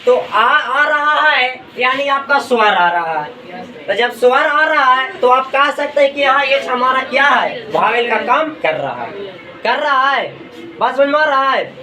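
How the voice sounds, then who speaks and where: A man's voice: extremely high pitch, animated, unhurried, bright, forceful tone. A male teacher leads a classroom lesson, asking and answering his own questions over and over. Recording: echoey room, mic far off. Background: students in the room.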